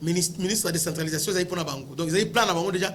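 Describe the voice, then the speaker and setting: High, bright Congolese French man commentating. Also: very fast, slight background noise. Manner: animated, rhetorical questions, mixes in Lingala words. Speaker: political commentator. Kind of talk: political commentary monologue.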